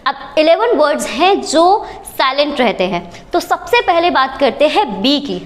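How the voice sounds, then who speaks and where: A woman's voice: high-pitched, big pitch swings, unhurried. A woman teaching an English lesson at a board, spelling out letters one at a time and asking questions she then answers herself. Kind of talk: whiteboard lesson.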